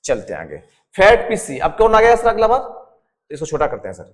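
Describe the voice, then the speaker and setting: His pitch is on the high side and swoops wildly as he talks at a normal speed in a large hall. The man, who has a Jharkhand Hindi accent, teaches an exam-prep lesson at a whiteboard using a mnemonic, quizzing the class with answers posed as questions. He repeats every term again and again and constantly adds a respectful "sir" when addressing the students.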